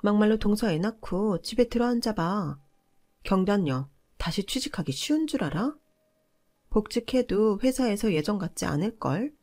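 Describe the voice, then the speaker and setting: A woman's voice: mid-range voice, darkish tone, lightly acted. A woman voicing an overbearing, entitled middle-aged sister-in-law who talks down to others in a scolding tone. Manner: scolding, condescending.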